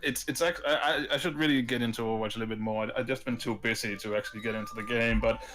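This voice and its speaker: A man's voice: mid-range voice, fairly even intonation, rapid-fire, a bit bright, low-quality recording. A man from Denmark with a Danish accent, co-hosting a casual live stream chat, often stumbling and restarting his sentences. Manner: hesitant, stammering restarts. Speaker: podcast co-host.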